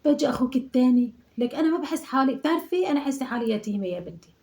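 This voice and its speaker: A woman's voice: high voice, animated, very fast, dark tone. A woman voicing a chatty, nagging older mother in her sixties from Aleppo, with an Aleppo Syrian Arabic accent, scolding and muttering prayers. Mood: fussing. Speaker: sketch performer. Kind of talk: comic monologue sketch.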